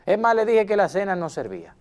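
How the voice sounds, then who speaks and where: A man's voice: high-pitched, big pitch swings, fast talker. A man playing a hot-tempered husband in a role-played counseling session, insistent and repeating himself as he talks to his counselor. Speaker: counseling client.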